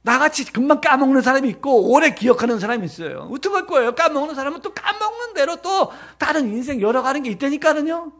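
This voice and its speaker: A middle-aged man preaching a Sunday sermon as pastor, animated and joking, often mimicking other people's voices. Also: extremely high pitch, fast talker, few pauses. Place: church sanctuary.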